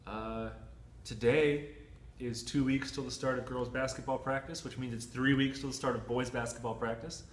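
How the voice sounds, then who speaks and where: A young man hosting a sports podcast, loud and jokey, in casual chat. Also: mid-range voice, steady tone, normal speed. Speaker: sports reporter and podcast host. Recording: roomy echo, faint noise.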